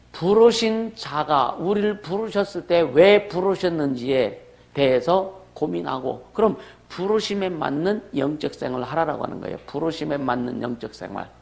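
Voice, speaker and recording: A man's voice: a little high, creaky. A male pastor preaching a sermon in a conversational way, asking the congregation questions and calling for amens. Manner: conversational preaching with rhetorical questions and calls for amen.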